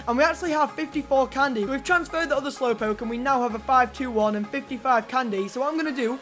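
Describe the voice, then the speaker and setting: A gaming video host giving excited gameplay commentary, talking straight to viewers with hyped, emphatic repetition. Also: high-pitched, fast talker, soft background music.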